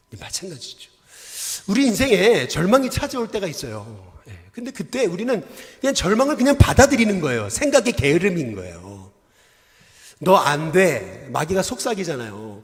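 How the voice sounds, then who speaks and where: A man, a senior pastor, preaching a sermon in a church and asking his congregation questions. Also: a little high. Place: church sanctuary. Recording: long church hall reverb.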